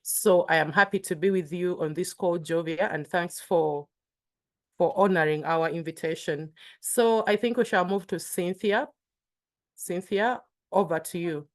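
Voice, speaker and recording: A woman's voice: on the low side, a little slow. A woman moderating an online panel, speaking with frequent fillers and restarts. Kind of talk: webinar moderation. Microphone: video call.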